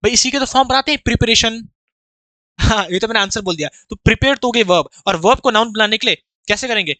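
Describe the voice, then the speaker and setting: A man teaching an exam-prep grammar lesson with an Indian accent, energetic and chatty, calling students "bhai". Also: high voice, fast talker, no room sound.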